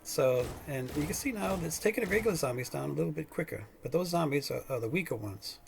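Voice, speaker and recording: A man's voice: on the high side, animated, quick pace, vocal fry, a little hiss or hum. A man hosting a gaming channel, giving casual, rambling gameplay commentary full of fillers and restarts.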